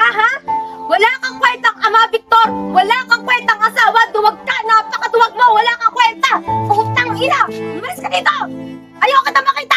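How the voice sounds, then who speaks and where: A woman acting as a fed-up young wife and mother who scolds and swears at her husband in a student drama. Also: extremely high pitch.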